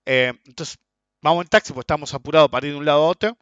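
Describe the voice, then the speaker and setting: A man's voice: fairly high pitch, racing, a bit bright, no room sound. A man with an Argentine accent ranting in a casual monologue, blunt and crude, often tagging his sentences with "ok?" and "viste?". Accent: Argentine Spanish. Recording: dull, lo-fi and dry.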